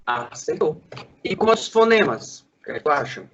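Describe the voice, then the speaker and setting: A male school teacher giving a Portuguese lesson, sounding out syllables slowly and quizzing a student. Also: fairly high pitch, sing-song, a bit bright, lo-fi sound, a little hiss or hum. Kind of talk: lively classroom lesson for sixth graders.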